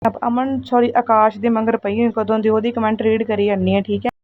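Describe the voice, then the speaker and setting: A woman's voice: fairly high pitch, level tone, brisk, dry recording. A woman delivering heated reaction commentary to another vlogger, scolding and confrontational, often tagging her points with a questioning "okay?". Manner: scolding, confrontational, repeats "theek hai?". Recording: tinny phone-like audio with faint hiss.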